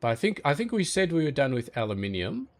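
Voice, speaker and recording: A man's voice: fairly high pitch, very animated, fast talker. Easygoing man thinking aloud. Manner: easygoing, thinking aloud, talks to game objects. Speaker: gaming channel host. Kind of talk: relaxed gameplay commentary.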